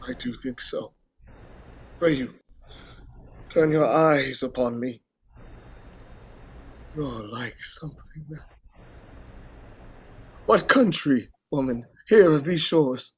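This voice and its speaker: A sorrowing king in classical stage verse. His voice is fairly high for a man and rough-edged. He takes the lines slowly and haltingly, with theatrical swells from hushed doubt to anguish. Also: expressive, exaggerated voice. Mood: dazed, searching. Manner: theatrical, declamatory, halting, swinging from hushed to outcry. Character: grief-worn, long-suffering king, anguished, hoping and doubting.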